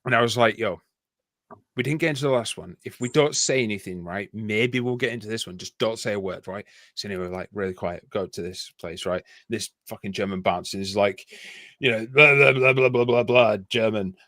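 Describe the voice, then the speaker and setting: A man's voice: lowish voice, fairly quick, a bit bright, no room sound. A man with a Yorkshire accent telling a long, rambling anecdote in casual chat, laughing and swearing often. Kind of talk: casual storytelling.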